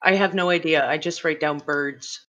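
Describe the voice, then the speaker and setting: A woman with a lowish voice plays in a tabletop role-playing session over voice chat. She describes her character's moves casually, in a playful, giggly way. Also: steady tone, moderate pace, pushed and bright, muffled recording. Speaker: player.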